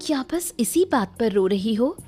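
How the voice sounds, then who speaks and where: A woman's voice: fairly high pitch, expressive, unhurried. A woman doing a kind, soothing young village woman. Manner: soothing, reassuring.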